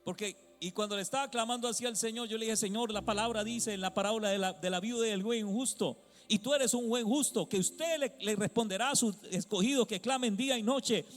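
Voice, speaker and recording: High-voiced preaching man in a reverberant church. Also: brisk. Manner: call-and-response, repeatedly asking the congregation "amen?" and "hello?"; colloquial and playful, calling listeners "papi". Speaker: pastor. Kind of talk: sermon. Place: church hall. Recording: long reverb with faint music behind, in a church hall.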